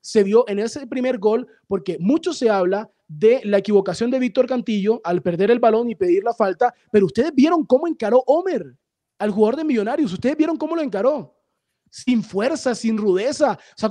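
A man giving sports radio commentary, explaining a match calmly and addressing the listeners directly. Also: extremely high pitch, brisk, no echo.

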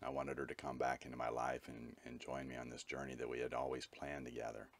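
A man's voice: a bass voice, flat delivery, quick pace, vocal fry, breathy edge. A man narrating his own travel vlog as a voice-over, telling his story in a candid, matter-of-fact way. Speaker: vlogger.

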